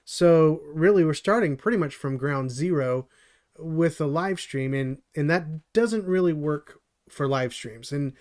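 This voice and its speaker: A man's voice: a little high, measured pace, darkish tone. A middle-aged man hosting a solo live stream as a developer mentor, talking earnestly with many restarts and fillers, his voice a little dry. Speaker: channel host and developer mentor.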